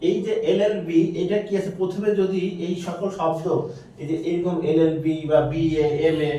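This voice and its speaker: A man's voice: high voice, fairly even intonation, moderate pace, mellow, distant mic. A male teacher, quizzing his students with repeated questions during a grammar lesson. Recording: very echoey room, voice from afar.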